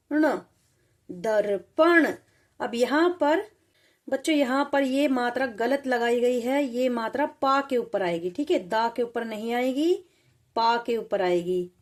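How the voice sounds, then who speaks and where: A woman gives a children's lesson at an unhurried, deliberate pace. Her voice sits fairly high, and she patiently sounds words out piece by piece, checking in often. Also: darkish tone. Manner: patient, repeats and spells out sounds slowly. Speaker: teacher.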